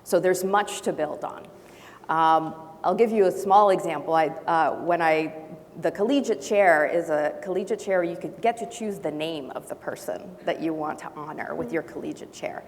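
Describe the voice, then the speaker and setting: In a large auditorium with long hall reverb and faint noise, a low-voiced woman from Brazil and Honduras speaks as a faculty panelist. English isn't her first language, and she pauses thoughtfully and restarts as she goes.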